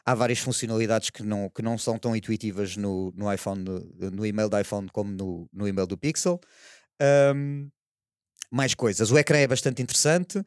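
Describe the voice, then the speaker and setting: On a podcast panel, a man with a European Portuguese accent rambles casually and hesitantly, frequently pausing to check in with questions. The clean studio recording has no room sound, and his low, slightly mellow voice stays steady at a moderate pace.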